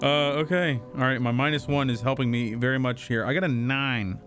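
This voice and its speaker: A man with a medium-pitched voice chats as a player in a tabletop game. He is playful and casual, trailing into restarts, with music clearly audible behind him. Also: steady tone, a little fast, a bit bright. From Florida, United States. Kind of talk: casual joking table chat. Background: background music.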